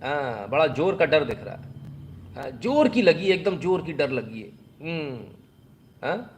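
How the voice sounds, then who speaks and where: A man giving sarcastic news commentary in an animated voice, and he often speaks directly to the people he criticises. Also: a little high, measured pace, slight background noise. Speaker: political commentator.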